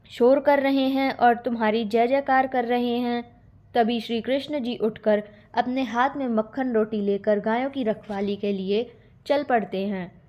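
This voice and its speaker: A woman's voice: fairly high pitch, mellow. A woman teacher steadily reading out a poem explanation and answers for a school lesson.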